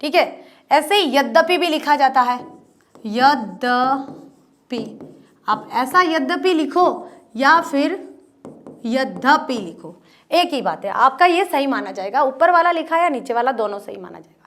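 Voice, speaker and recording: A woman with a high voice gives a lesson to her pupils. She explains patiently, spells out sounds one at a time and keeps asking questions before she answers them herself. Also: animated, fairly bright tone, slight background noise. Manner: explains slowly, repeating letters and asking questions. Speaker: teacher. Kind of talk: online class lesson.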